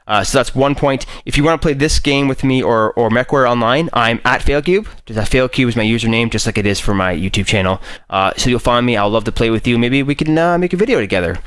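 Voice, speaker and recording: A man's voice: on the low side, a bit bright, dry recording. A young man hosting a casual unboxing vlog, talking enthusiastically and rambling with lots of fillers. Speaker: YouTube host.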